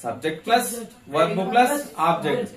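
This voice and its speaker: A man's voice: sits high, animated, quick pace. A man teaching English grammar to a class, asking questions and repeating the key terms for students to echo back. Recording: echoey classroom, mic at a distance, faint noise.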